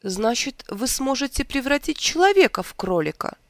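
A reader voicing a clever, polite talking rabbit in a storybook tale, lifted higher than the narration. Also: very animated, normal speed, no room sound. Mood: eager.

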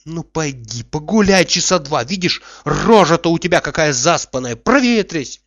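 A man voicing a flustered, anxious young gentleman who urges and shouts orders. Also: fairly high pitch, animated, moderate pace, no echo, pitched above the performer's own voice. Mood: agitated. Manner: agitated, urging, raised voice. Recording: dull, dry recording.

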